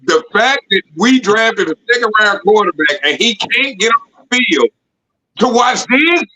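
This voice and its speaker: A man's voice: high-pitched, expressive, measured pace, sharp tone, rough recording. A man co-hosting a sports podcast, talking in a frustrated, emphatic way. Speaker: podcast co-host. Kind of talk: heated sports talk.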